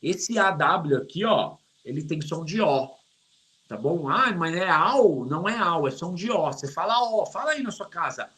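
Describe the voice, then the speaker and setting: Joking middle-aged Brazilian teacher. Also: male voice, a little high, low-quality recording. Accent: Brazilian Portuguese. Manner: lively, joking, drawls English words slowly for pronunciation. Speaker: English teacher. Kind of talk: online English lesson.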